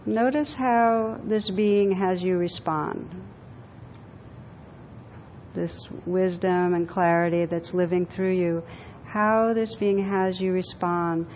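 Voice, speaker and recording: A woman teacher leading a guided meditation for a group, speaking gently and unhurriedly, with pauses and repeated phrases. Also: lowish voice, steady tone. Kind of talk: guided meditation, then informal group discussion. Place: room with a group audience. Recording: dull lo-fi live recording, faint noise.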